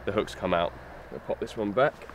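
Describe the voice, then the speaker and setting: A young man giving a lakeside fishing tutorial, explaining steps in a relaxed way with fillers as he handles his gear. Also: fairly low pitch, moderate pace. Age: young adult. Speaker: fishing instructor. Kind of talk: outdoor tutorial demonstration. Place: lakeside outdoors. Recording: faint outdoor noise.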